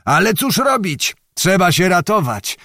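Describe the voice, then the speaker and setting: A man's voice: sits high, sing-song, unhurried, sharp tone, no echo, studio quality, voice pushed up, full character voice. A man voicing a boastful, cunning old nobleman who blusters and commands, reading a storybook.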